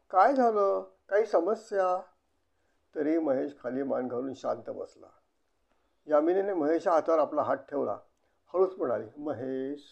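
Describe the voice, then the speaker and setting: An older man narrating a story in a steady, clear reading voice. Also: a little high. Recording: dull lo-fi recording.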